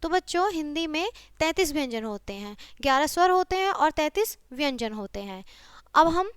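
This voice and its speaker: A woman teaching a children's lesson, patient and checking often that the children follow, spelling out sounds slowly one by one. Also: high-pitched, lively intonation, dry recording, studio quality. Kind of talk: classroom video lesson for children.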